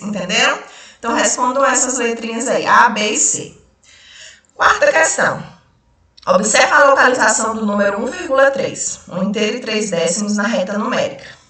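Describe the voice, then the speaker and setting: A young adult Brazilian woman teaching a primary class, explaining patiently step by step and slowing down on key terms. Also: a little high, bright, forceful tone. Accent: Brazilian Portuguese. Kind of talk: recorded remote class lesson. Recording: very echoey room, far from mic.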